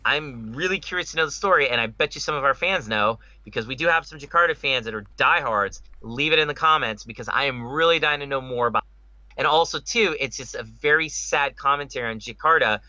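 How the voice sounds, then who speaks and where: This podcast host has a mid-range voice, bright and pushed, and he speaks fairly quickly on a muffled recording with no room sound. In an opinionated, casual panel discussion, he makes his points emphatically, leaning on rhetorical questions and repeating himself.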